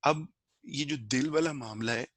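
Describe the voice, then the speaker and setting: A man talks through a spiritual lesson the way a teacher explains to friends, unhurried and conversational, now and then dropping in English words. His voice sits at an ordinary middle pitch. The recording is dry and close, with no room sound. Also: fairly bright tone, dry recording. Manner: slow measured recitation of a prayer verse.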